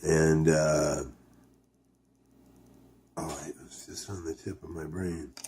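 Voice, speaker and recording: A man's voice: rumbling low, little pitch movement, slow, a little mellow. A man from Canada chatting casually to his viewers as a vlog host, hesitant and thinking aloud as he goes. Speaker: video host reviewing dipping tobacco. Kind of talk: casual, rambling vlog chat.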